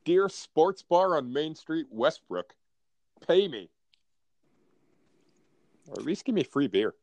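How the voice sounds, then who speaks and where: A man's voice: fairly high pitch, big pitch swings, slow pace, a little mellow, dry recording. A North American man in casual sports chat as a podcast co-host, blunt and profane with frat-bro banter.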